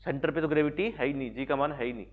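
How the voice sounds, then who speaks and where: Racing through his lecture, a male physics teacher with a Haryanvi Hindi accent speaks in a fairly high voice to a classroom. He constantly asks questions only to answer them himself. The recording is lo-fi and slightly dull.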